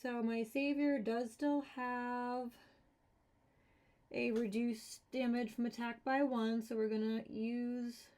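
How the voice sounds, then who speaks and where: A woman's voice: on the high side, flat delivery, takes it slowly, a little mellow. A woman streaming a solo board game, casually thinking aloud, counting cards and talking herself through the rules with mildly exasperated asides.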